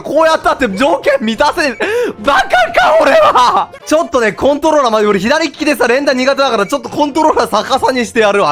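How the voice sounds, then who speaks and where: A man giving casual, excitable commentary while playing a platform game, laughing and talking to himself as he goes. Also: very high voice. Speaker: game streamer.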